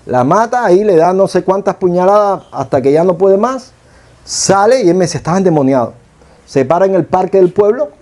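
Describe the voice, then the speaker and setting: Cuban male preacher, middle-aged, fairly high and mellow, storytelling sermon with rhetorical questions. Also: expressive, normal speed. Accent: Cuban Spanish.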